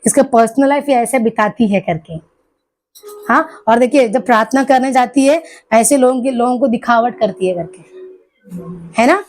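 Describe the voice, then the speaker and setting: A woman's voice: a little high, normal speed, darkish tone, slight background noise. A middle-aged woman preaching a church sermon, with many hallelujahs, asking the congregation questions. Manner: call-and-response preaching, repeated hallelujahs. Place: church hall.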